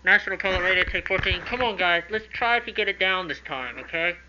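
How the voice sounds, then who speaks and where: A man's voice: high voice, brisk, lightly acted. A man as a weary radio producer. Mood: patient. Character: weary male radio producer calling takes. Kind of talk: comedy sketch. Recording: dull lo-fi recording with faint hiss.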